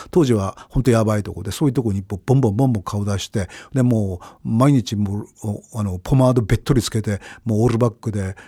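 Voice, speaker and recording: A middle-aged man hosting a radio show, telling his own stories in a casual, animated way that swings between loud bursts and low mumbles. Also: breathy edge, no echo, clean studio sound. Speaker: radio host. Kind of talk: casual storytelling monologue.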